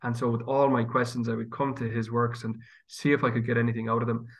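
A man's voice: medium pitch, completely flat delivery, quick pace. Irishman with a west of Ireland accent. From County Galway, west of Ireland. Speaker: priest and guest. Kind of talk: conversational interview answer.

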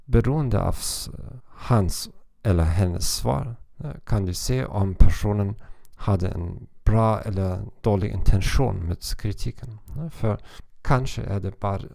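A man hosting a language-learning podcast, talking in a halting, careful way with frequent pauses. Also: fairly low pitch, creaky, warm tone, no echo, clean studio sound. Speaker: podcast host and language teacher. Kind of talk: informal podcast monologue.

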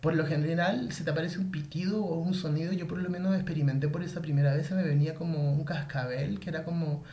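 A man telling a long, rambling, animated story in casual, slangy speech. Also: on the high side, fast talker, few pauses. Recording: echoey room.

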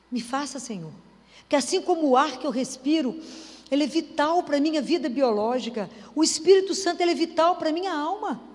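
High-voiced woman preaching in a hall. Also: darkish tone. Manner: conversational, asks the audience rhetorical questions. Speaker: lay preacher.

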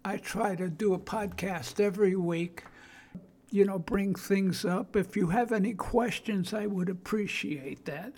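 Older female podcast host, Brooklyn accent, creaky husky voice, halting plain-spoken delivery. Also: mid-range voice, a little mellow. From Brooklyn, New York. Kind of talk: informal solo podcast talk.

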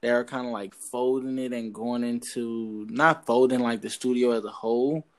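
A man's voice: mid-range voice, fairly even intonation, normal speed. A man co-hosting a casual gaming podcast, rambling with many fillers as he searches for words. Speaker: podcast co-host. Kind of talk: casual chat.

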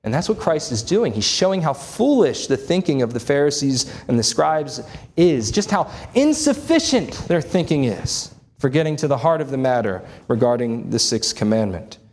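A man's voice: medium pitch, sing-song, moderate pace, a little mellow. A man, preaching a sermon in a church, explaining scripture earnestly and asking rhetorical questions. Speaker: pastor.

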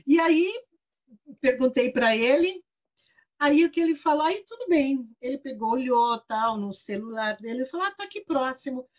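A Brazilian woman with a Brazilian Portuguese accent, chatting casually and telling a story in a lively way, often tagging her sentences with "né?" and laughing. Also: sits high, a little slow. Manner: animated storyteller, frequent "né?" tags and laughs. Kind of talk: casual chat.

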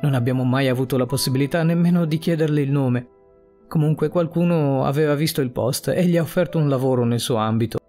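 A man's voice: mid-range voice, fast, dark tone, faint music behind, close to an everyday voice. A man voicing a frightened elderly woman trapped in a coffin, speaking in anxious, pleading questions. He keeps close to his own voice. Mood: grateful.

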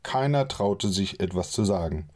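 A man narrates an audiobook in a calm, measured way. His voice sits fairly low, with a dark, mellow tone that suits steady storytelling. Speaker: audiobook reader.

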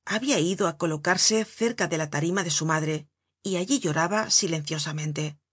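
Low, husky woman narrating a novel. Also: moderate pace, a bit bright, dry recording, clean studio sound. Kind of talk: audiobook narration.

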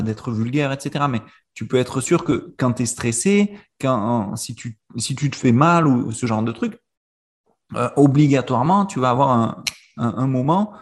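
A man hosting a casual conversation who stammers and repeats words as he asks questions. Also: mid-range voice.

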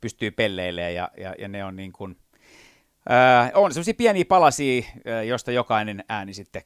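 A man who does voice impressions talks casually about his craft, often pausing and restarting as he looks for words. His voice is smooth and clear. It sounds close and dry, with no room echo. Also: on the low side, big pitch swings. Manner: hesitant, many fillers and restarts, slips into impressions. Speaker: voice impressionist guest. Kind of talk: casual interview chat.

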